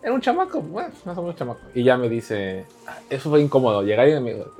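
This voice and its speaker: A man with a Mexican accent tells a crude story as a podcast guest, loose and casual. He plays out the back-and-forth of the dialogue himself. His voice sits at an ordinary middle pitch. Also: very animated, fast, a little mellow, faint music behind. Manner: crude, joking, acts out dialogue.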